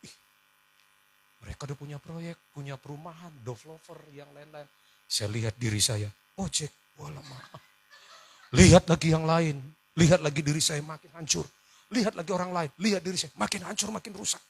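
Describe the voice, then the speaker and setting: A male pastor preaching, telling a personal story in an animated way, swinging from loud outbursts to hushed words. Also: a little high, normal speed, gravelly, breathy edge. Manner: animated storytelling, switching between shouts and hushed tones, laughing along.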